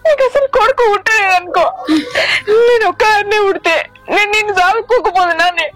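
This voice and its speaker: Tearful grown daughter played by a young woman, Telangana accent, very high pitched; village drama. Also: moderate pace, music in the background. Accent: Telangana Telugu. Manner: tearful, emotional pleading. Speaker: actor. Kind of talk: village short-film acting.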